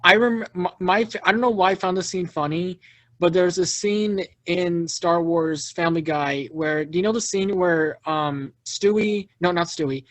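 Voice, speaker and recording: A man hosting a casual video call chat, excitable and quick to laugh at his own stories. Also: sits high, no echo. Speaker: party host.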